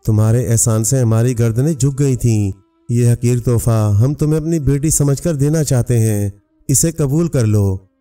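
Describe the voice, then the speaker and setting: Brief: man voicing a formal, commanding storybook king, dark smooth voice, distant mic, faint music. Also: mid-range voice, normal speed, lightly acted. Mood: grateful. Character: stern proud old male king.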